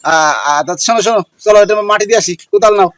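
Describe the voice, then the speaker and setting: Fast-talking teasing village vlogger woman. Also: medium pitch, background noise. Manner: teasing, chatty, fast, addressing viewers. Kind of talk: village vlog narration to viewers. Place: outdoors in a village.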